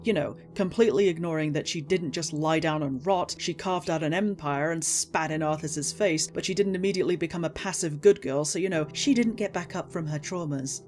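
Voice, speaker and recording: A woman's voice: sits low, brisk, few pauses, darkish tone, faint music behind. A woman delivering a scripted, opinionated rant, indignant and sarcastic, with emphatic, incredulous turns. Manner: swears casually. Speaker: video essayist, game story critic.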